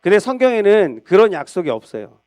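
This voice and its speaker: A male pastor preaching by telling a story, speaking to the congregation in a lively narrative way. His voice sits high and rings smooth and clear, recorded close and dry with no room sound. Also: a little fast, no echo. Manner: storytelling, retelling scripture with dramatized dialogue. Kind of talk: sermon.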